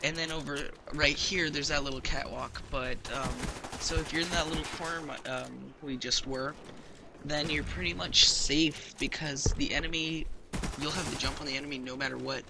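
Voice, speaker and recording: A man's voice: on the high side, steady tone, moderate pace, vocal fry, noisy background. A man giving casual gameplay commentary, explaining tactics in a hesitant, filler-heavy way. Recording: voice over loud gunfire game audio.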